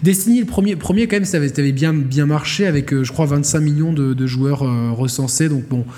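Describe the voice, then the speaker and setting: Male gaming-podcast co-host, rambling, filler-heavy, dark tone, hall reverb. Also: fairly high pitch, a little fast. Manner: rambling, many fillers and restarts. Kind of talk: casual gaming podcast chat.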